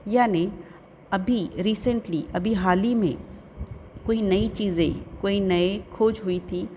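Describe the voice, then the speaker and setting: Woman teacher in a slow, careful lesson. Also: medium pitch, a little mellow, slight background noise. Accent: Urdu-speaking Indian. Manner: slow, careful pronunciation of English words, repeating each twice. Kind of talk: classroom lesson explanation.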